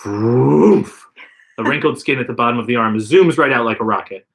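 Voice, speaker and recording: Talking fast in a medium-pitched, fairly bright voice, a man reads an interactive gamebook aloud on a livestream podcast mic. Narration is read plainly, and he puts on voices whenever characters speak.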